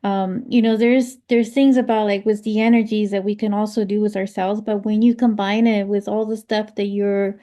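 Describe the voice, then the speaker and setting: Woman podcast host, mellow warm tone, agreeable, chatty with fillers. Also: medium pitch, level tone, moderate pace, few pauses. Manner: agreeable, lots of backchannel, filler-heavy. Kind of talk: casual interview chat.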